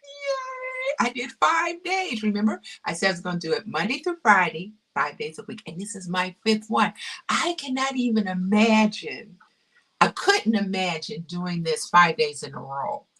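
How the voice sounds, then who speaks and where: A woman's voice: on the low side, lively intonation, moderate pace, pushed and bright, recorded from a distance. A woman hosting a casual crafting livestream, effusive and heartfelt, repeating her phrases and dropping to a whisper at times. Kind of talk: casual live-stream chat.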